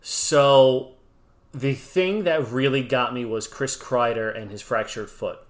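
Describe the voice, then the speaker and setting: A mid-pitched man co-hosting a sports podcast, quick to argue and crack jokes. His voice jumps up high when he gets excited, then settles back into plain talk. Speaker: podcast co-host and blogger. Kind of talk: casual sports podcast debate.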